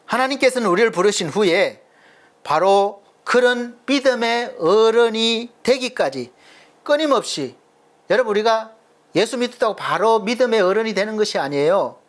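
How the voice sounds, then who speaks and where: High-voiced pastor preaching earnestly. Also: male voice, animated. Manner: earnest preaching, rhetorical questions, slows for emphasis. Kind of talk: sermon.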